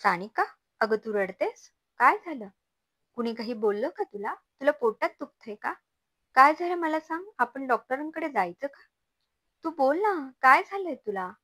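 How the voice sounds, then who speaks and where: A woman's voice: high-pitched, expressive, a little slow, fairly bright tone, dry recording, pitched above the performer's own voice, heavily acted. A woman voicing an anxious older mother-in-law who fires off worried questions, in a storybook reading.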